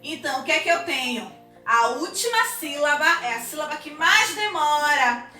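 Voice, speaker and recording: A woman's voice: high-pitched, lively intonation, normal speed, bright, forceful tone, recorded from a distance. A Brazilian woman teaching a recorded video lesson for children, upbeat, stretching out syllables as she sounds out words. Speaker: primary school teacher. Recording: echoey room, voice off-mic, music behind.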